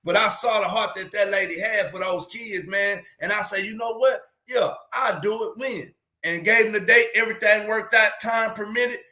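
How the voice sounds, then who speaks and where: A man's voice: high-pitched, normal speed, reverberant. A man speaking as a motivational speaker, telling a personal story casually and emphatically, often saying "man" and "listen". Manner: emphatic, repeats "man" and "listen", gets louder at peaks.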